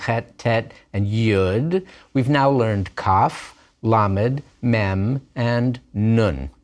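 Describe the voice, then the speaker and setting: A man's voice: medium pitch, darkish tone. A man teaching a language lesson, explaining letters patiently and step by step. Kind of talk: recorded lesson narration.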